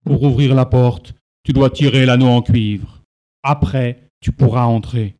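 A man voicing a scheming, impatient male magician in a slowly read storybook for learners. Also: medium pitch, steady tone, dark tone, lightly acted. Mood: commanding.

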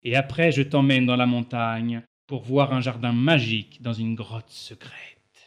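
A man voicing a scheming, impatient male magician in a slowly read storybook for learners. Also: mid-range voice, steady tone, natural voice. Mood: commanding.

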